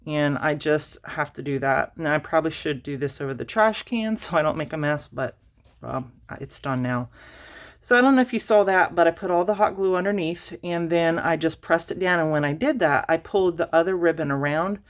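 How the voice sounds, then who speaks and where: A woman with a low voice talks through a craft project in a loose, rambling way. She restarts her sentences often, pokes fun at herself, and sounds a little out of breath. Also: brisk, few pauses. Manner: rambling, self-deprecating, many fillers and restarts. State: slightly out of breath. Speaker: crafting channel host. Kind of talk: casual craft tutorial.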